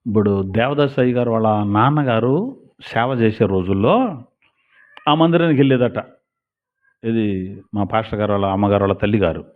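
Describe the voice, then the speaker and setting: A man preaching a sermon, telling stories and acting out short dialogues as he goes. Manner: lively storytelling preacher, acts out little dialogues with shifting pitch. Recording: tinny phone-like sound.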